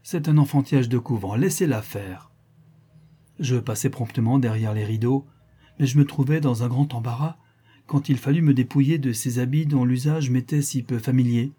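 Man narrating with a very dark, husky voice. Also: medium pitch, steady tone. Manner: measured, literary storytelling. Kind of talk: audiobook narration.

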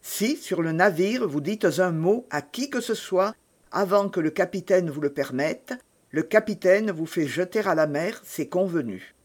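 A stern, coldly threatening baron, as a man reads him aloud, delivering orders slowly and deliberately. His voice sits a little high and stays measured. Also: animated. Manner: measured, menacing.

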